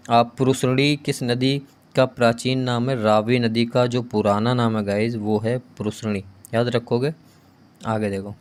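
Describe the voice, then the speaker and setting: Male coaching teacher, mid-pitched, runs question-and-answer drills with brisk asides. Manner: reads question then answers, adds quick asides. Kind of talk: quiz-style GK lesson.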